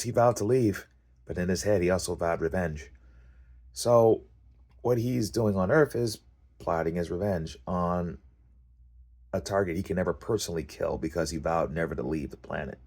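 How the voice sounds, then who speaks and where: A man with a very low-pitched voice talks off the cuff, like a writer ranting on his own vlog. He rambles casually, then lands blunt, punchy phrases with a storyteller's sense of drama. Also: a little mellow. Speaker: fiction writer hosting a rant vlog.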